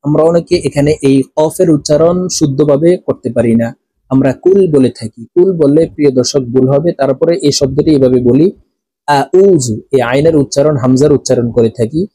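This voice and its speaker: A man with a Bangladeshi Bengali accent teaching Quran recitation, slowly and patiently, breaking each word apart and repeating phrases. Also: medium pitch, mellow, no echo. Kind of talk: slow, patient teaching with drawn-out chanted recitation.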